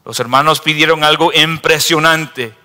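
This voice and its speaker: A man's voice: fairly high pitch, fairly even intonation, normal speed, sharp tone, in a large hall. A man preaching a sermon in a church who acts out the people he reads about in raised voices. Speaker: pastor.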